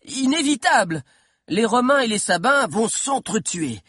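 A man's voice: very high voice, big pitch swings, unhurried, a bit bright, slightly rough, no echo, studio quality, voice pushed up, heavily acted. A man voicing a timid, bespectacled teenage boy historian who lectures nervously, in an audiobook. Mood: storytelling. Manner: nervous lecturing storyteller, growing bolder. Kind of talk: audiobook character voice.

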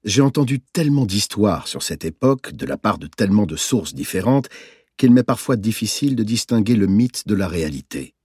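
A man narrating a novel in the first person, in a measured, reflective storytelling manner. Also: fairly low pitch, very animated, a little mellow, breathy edge, no echo, clean studio sound. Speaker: audiobook narrator.

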